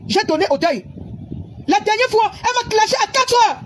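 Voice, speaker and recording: A high-pitched woman rants heatedly into her phone camera, scolding her audience and repeating her points. Loud background ambience and passing traffic fill the recording. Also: lively intonation, moderate pace. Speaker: social media personality. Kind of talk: angry livestream rant.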